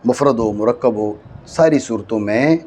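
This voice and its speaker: A man's voice: medium pitch, a little mellow, a little hiss or hum. A man teaching a classroom lesson, dictating phrase by phrase and quizzing his student. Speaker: teacher of Arabic grammar.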